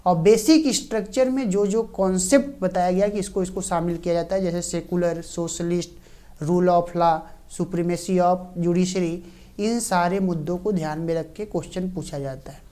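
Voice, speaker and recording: A woman teacher giving a classroom lecture, repeating points and often pausing on fillers. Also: lowish voice, warm tone. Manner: slow, repetitive, frequent fillers.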